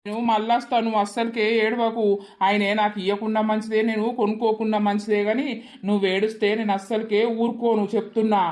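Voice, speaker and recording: A woman's voice: medium pitch, flat delivery, quick pace, a little mellow, close to an everyday voice. A woman doing a pleading teenage son. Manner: pleading, soothing. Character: caring teenage son, soothing his mother.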